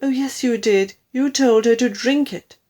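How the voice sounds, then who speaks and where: A woman's voice: on the high side, a little slow, warm tone, pitched above the performer's own voice, lightly acted. A woman voicing an anxious, flustered mother in a storybook reading, crying out and pleading in a wail. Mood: alarmed, scolding. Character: anxious, wailing mother, frantic and easily flustered.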